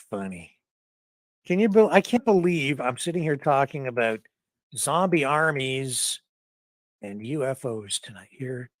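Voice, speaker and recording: A man's voice: medium pitch, lively intonation, unhurried, long pauses, dry recording, clean studio sound. A man hosting a casual news livestream, rambling and chuckling while he searches for clips.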